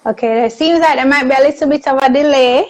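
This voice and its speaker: A woman with a Jamaican accent hosting a casual live video chat, friendly and quick to laugh. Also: sits high, rough recording. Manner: friendly, laughs easily, slow and deliberate. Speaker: host. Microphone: video call.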